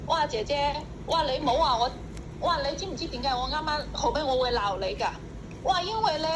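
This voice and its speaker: A woman's voice: high voice, animated, fairly quick, background noise. A woman employer complaining on a phone call. She talks insistently and repeats herself. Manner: insistent, repetitive.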